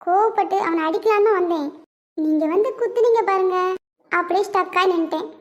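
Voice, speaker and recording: Cartoon: a bold, cheeky young girl with a sky-high voice, as a woman acts her out, on a dull lo-fi recording. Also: a little fast, a little hiss or hum. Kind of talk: cartoon web series voice acting.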